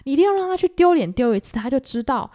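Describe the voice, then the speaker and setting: A young woman with a Taiwanese Mandarin accent hosting a casual book-club podcast, chatty and animated. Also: high voice, fast talker. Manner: chatty, animated, acts out the quotes. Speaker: podcast host.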